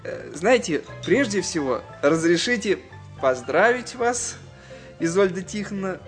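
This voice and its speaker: An actor playing a polite, earnest young guest in a drama, speaking in a courteous, slightly formal way. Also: male voice, high-pitched, expressive, a little slow, faint music behind. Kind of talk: naturalistic drama acting.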